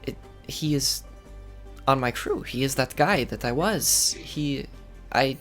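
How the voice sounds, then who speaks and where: A man playing a tabletop game in character, talking in halting, hesitant bursts. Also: medium pitch, expressive, fairly bright tone, soft background music. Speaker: player.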